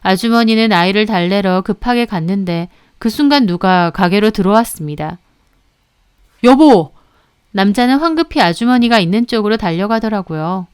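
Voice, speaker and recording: Smooth-voiced woman narrating a story. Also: medium pitch, no room sound, studio quality.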